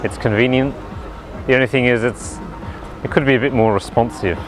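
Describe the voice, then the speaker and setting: A man gives his opinion in a casual street interview, speaking at a medium pitch. Music plays along with his voice. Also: a little fast. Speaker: member of the public. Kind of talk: casual street vox pop.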